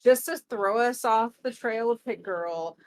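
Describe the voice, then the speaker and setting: A woman co-hosting a casual podcast, adding measured, wry comments on a TV episode. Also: on the high side. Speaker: podcast co-host. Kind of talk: casual chat, reacting to a TV recap.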